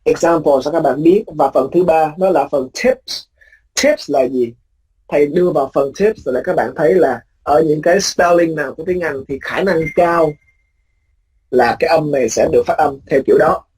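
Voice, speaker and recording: A male teacher giving a recorded lecture, explaining patiently, repeating key points and drawing out example words slowly. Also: a little high, darkish tone, breathy edge, low-quality recording.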